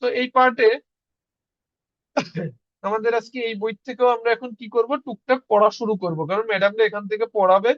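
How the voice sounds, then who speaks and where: A man's voice: sits high, little pitch movement, brisk, dry recording. A man teaching a beginners' class, sounding out letters one by one and coaxing students to practise. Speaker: language teacher. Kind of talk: informal classroom lesson. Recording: dull dry lo-fi recording.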